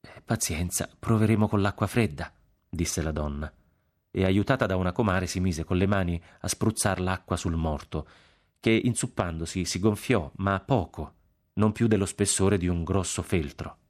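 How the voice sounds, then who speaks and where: A man reading a novel aloud on a radio program in a measured, grave, unhurried way. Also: low-pitched. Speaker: audiobook reader on a radio program.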